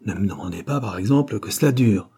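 A man's voice: fairly low pitch, lively intonation, quick pace, mellow, husky. A man reading the lines of a lovesick, impulsive young countess in an audiobook, lifting his voice a little and sounding eager.

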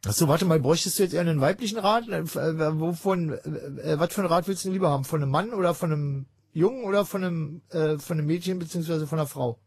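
Guy hosting call-in radio, rambly and jokey, kinda husky, dry sound. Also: a little high, quick pace, few pauses, darkish tone, no echo. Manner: rambling, joking, many filler sounds.

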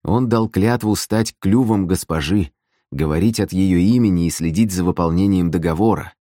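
A man narrating an audiobook in an expressive, scripted storytelling manner. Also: deep voice, normal speed, dry recording, clean studio sound.

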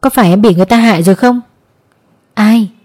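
A woman's voice: mid-range voice, fast, darkish tone, close to an everyday voice. A woman voicing a hot-tempered young man bound to a ghost, speaking urgently in a horror story.

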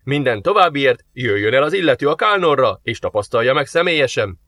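A man voicing a polite, formal male alien receptionist in an audiobook, measured and courteous. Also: medium pitch, sing-song, sharp tone, no echo. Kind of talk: audiobook character voice.

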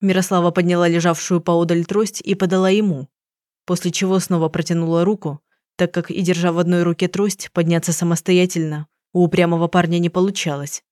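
A woman narrating an audiobook in a steady, measured way. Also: on the low side, dry recording, studio quality.

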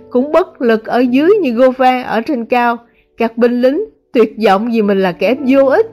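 A woman narrating a translated novel as an audiobook, in a measured, dramatic reading. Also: on the high side. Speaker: audiobook reader.

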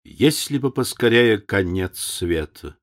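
A man voicing a languid young gentleman. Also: on the low side, animated, slow pace. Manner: languid, sighing.

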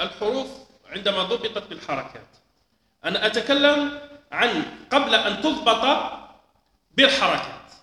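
High, bright-voiced male teacher lecturing. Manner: slow, deliberate explaining with repetitions. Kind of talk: lecture on hadith transmission. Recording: echoey hall with long reverb.

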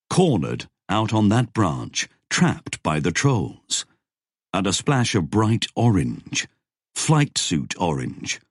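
A man narrating an audiobook with slow, lively storytelling. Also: low voice, husky, dry recording, clean studio sound. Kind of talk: scripted narration.

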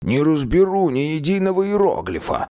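Pitching his voice above his own, a man reads an audiobook as a cheerful, curious mummified old king who is dead. His delivery is high-ish, sing-song and warm, slow and drawn out.

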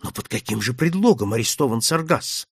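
Guy reading anxious young woman, pushy and pleading, lively up-and-down voice. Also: mid-range voice, a little fast, slightly rough, no room sound, clean studio sound. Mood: earnest.

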